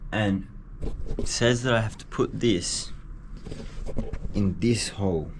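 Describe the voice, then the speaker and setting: A man's voice: fairly low pitch, slow pace. A young man, talking casually as a travel vlogger while he explores old buildings, joking and swearing often. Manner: casual, swears a lot, jokey. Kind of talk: casual vlog narration. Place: exploring historic buildings and a cave, partly indoors. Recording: noisy handheld travel recording.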